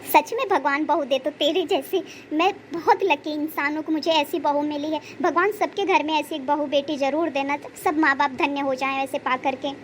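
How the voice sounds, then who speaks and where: A woman's voice: high-pitched, fairly even intonation, moderate pace, few pauses, a little hiss or hum, close to an everyday voice. A woman voicing an emotional, pious mother-in-law who prays aloud and heaps praise on her daughter-in-law in a cartoon story. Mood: tender.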